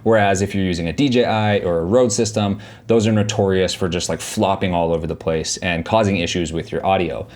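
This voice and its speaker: A man's voice: deep voice, fairly even intonation, fairly quick, hardly any pauses, a little mellow. A man giving a casual, explanatory product review to camera, speaking informally into a small clip-on wireless microphone. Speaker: tech reviewer. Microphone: small wireless clip-on mic on chest. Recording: clip-on wireless mic, clear background noise.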